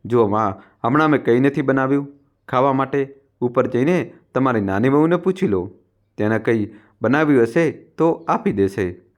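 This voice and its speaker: A man's voice: medium pitch, normal speed, close to an everyday voice. A man voicing a scolding young daughter-in-law. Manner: sharp, dismissive.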